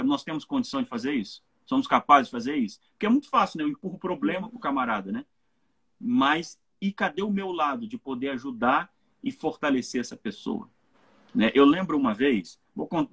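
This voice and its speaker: A man's voice: medium pitch, fairly bright tone, breathy edge. A Brazilian man, a pastor, giving an informal Bible teaching on a live stream and often checking in with his listeners. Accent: Brazilian Portuguese. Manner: informal, keeps checking in with tag questions.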